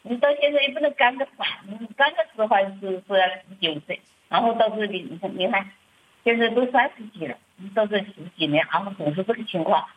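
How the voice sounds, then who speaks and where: Talking quickly in a mid-range voice with lively intonation, a middle-aged woman from church pours out her family troubles in a plaintive, faltering way, often repeating herself and restarting. A little hiss or hum sits under the muffled lo-fi audio.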